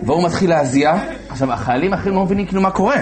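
A man telling a religious story as a sermon in an animated way, acting out the voices of the characters. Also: fairly high pitch, very noisy.

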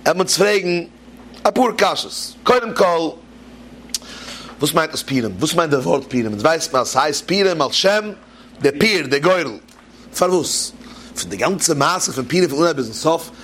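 A man's voice: a little high, fairly bright tone, slight background noise. A man giving a religious talk, telling jokes and asking rhetorical questions as he teaches. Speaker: preacher. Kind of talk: Yiddish-style Torah talk with jokes.

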